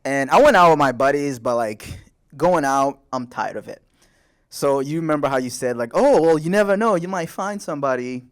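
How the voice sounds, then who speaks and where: A man's voice: on the high side, animated, moderate pace, clean tone. A young man co-hosting a podcast, telling a story in a laid-back, slangy, profane way. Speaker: podcast co-host. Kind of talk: casual chat.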